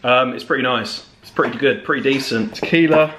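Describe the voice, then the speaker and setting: With slight background noise, a young English host talks to a handheld camera in his apartment living room, his casual vlog full of teasing jokes. He speaks at a medium pitch, a little fast, with a fairly bright tone.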